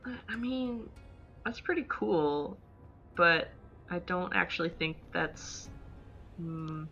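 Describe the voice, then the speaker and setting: A woman's voice: lowish voice, animated, takes it slowly, bright, forceful tone, faint music behind. A woman chatting casually as a player in a tabletop game, on a slightly dull lo-fi recording. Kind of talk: casual chat in character.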